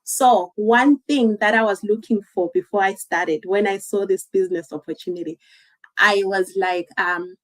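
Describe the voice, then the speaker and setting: A woman's voice: medium pitch, normal speed, low-quality recording. A woman, speaking as a guest on a livestream in a conversational, earnest way. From Zimbabwe. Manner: conversational, earnest, many "like" and "um" fillers. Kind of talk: casual livestream talk.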